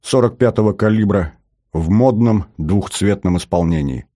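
Deep, dark-voiced male audiobook narrator. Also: no room sound, clean studio sound. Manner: steady, measured storytelling. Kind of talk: scripted first-person audiobook narration.

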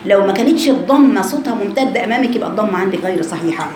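A woman speaking very fast and expressively at medium pitch teaches Quran recitation in Egyptian Arabic during a recorded class. She describes the rounded vowel, voices it to demonstrate, then tests her students. Crowd noise and echo fill the room.

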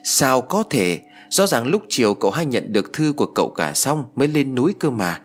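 A man's voice: mid-range voice, big pitch swings, brisk, soft background music, voice pushed up. A man voicing a wailing grieving mother. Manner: wailing, lamenting. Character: grieving middle-aged wife, loud and wailing.

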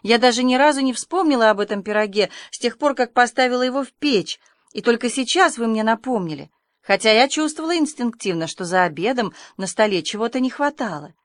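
A woman's voice: fairly high pitch, lively intonation, fairly quick, no echo, natural voice. A woman reading the part of an imaginative, chatty orphan girl who pours out her thoughts in long, effusive runs. The sound is close and dry. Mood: contrite. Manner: breathless, effusive storytelling.

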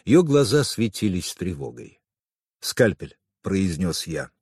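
A man reading a novel aloud in first person, with a dramatic, expressive delivery. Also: fairly low pitch, normal speed, dry recording, clean studio sound. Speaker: audiobook narrator. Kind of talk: scripted first-person narration.

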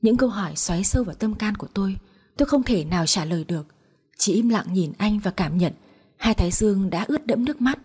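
A woman reading a first-person story aloud in a slow, emotional manner. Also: mid-range voice, lively intonation, darkish tone, breathy edge.

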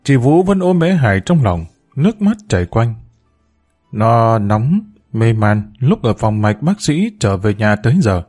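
A man hosting his own channel, reading a serialized story aloud in a measured, calm manner. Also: mid-range voice, soft background music.

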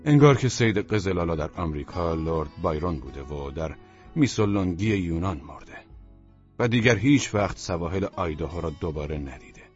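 A man narrating a novel as an audiobook in calm, measured storytelling, often softening to a near whisper, on a dull lo-fi recording. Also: sits low, faint music behind. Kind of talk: scripted literary narration. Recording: dull lo-fi dry studio recording.

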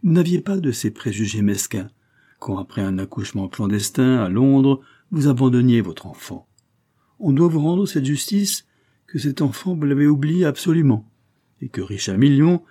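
A man's voice: medium pitch, animated, normal speed, voice pushed up, close to an everyday voice. A man reading an audiobook, voicing a scheming, coldly polite marquis who sneers and presses his threats. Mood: menacing. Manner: sneering, insistent, rising to forceful outbursts.

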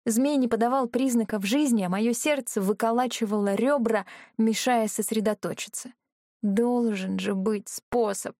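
A woman reading a first-person fantasy audiobook in a measured, earnest way. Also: on the high side, darkish tone, dry recording, studio quality. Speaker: audiobook narrator.

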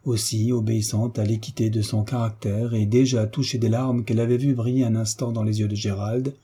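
Male audiobook narrator, very dark tone, husky, measured. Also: lowish voice, little pitch movement. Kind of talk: literary narration.

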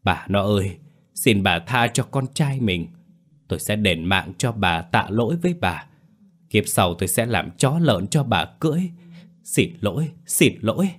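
A man's voice: fairly low pitch, lively intonation, a little slow. An actor narrating a guilt-stricken older father who pleads tearfully and confesses. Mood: anguished pleading. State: crying.

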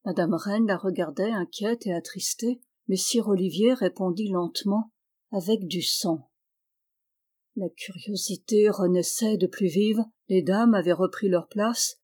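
Woman, audiobook reader, classic novel narration, even, measured, mid-range voice. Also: medium pitch.

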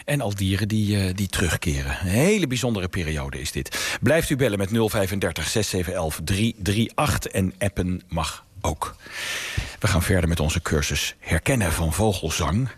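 A man presenting a radio show in a low, husky voice. He talks in a relaxed, unhurried way and pauses with small fillers as he links one item to the next.

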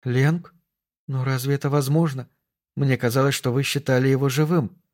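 A man reading an audiobook, voicing a shaken young woman who speaks haltingly and quietly. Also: mid-range voice, fairly even intonation, natural voice.

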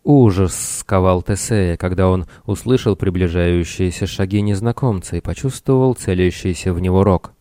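Low, mellow-voiced male audiobook narrator. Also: normal speed, few pauses, no room sound, clean studio sound. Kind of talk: scripted narration.

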